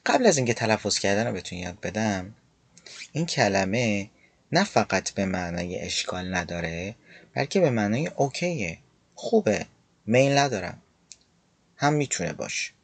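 A man teaching an online language lesson, explaining and slowly demonstrating pronunciation step by step. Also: on the low side, animated, no room sound. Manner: slow, careful pronunciation demonstrations.

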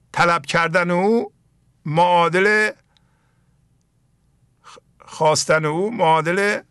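A middle-aged man with an Iranian Persian accent, slowly reciting mystical poetry and explaining it in a plain sermon. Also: fairly high pitch, a bit bright, no echo, studio quality. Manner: slow, emphatic recitation of verses then plain explanation. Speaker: spiritual teacher.

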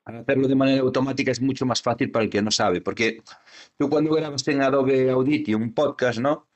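On a dull, lo-fi podcast recording, a male co-host talks casually and fairly quickly in a mid-range voice. He rambles, often stopping to restart and leaning on filler words.

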